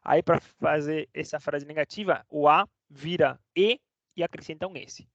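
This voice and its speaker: A Spanish teacher whose first language is Portuguese gives a casual, chatty online lesson, checking in with the class every few words. His voice is a little high with vocal fry at a moderate pace. The recording is dry, dull and lo-fi, with no echo.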